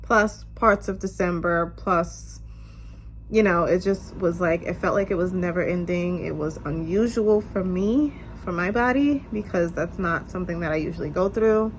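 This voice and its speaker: Sounding stuffy and a little nasal, a young woman vlogs a casual story time at home, speaking to a tripod-mounted camera in a lowish voice at a moderate pace. She chats along with lots of fillers like "um" and "you guys". The recording is low quality with slight background noise.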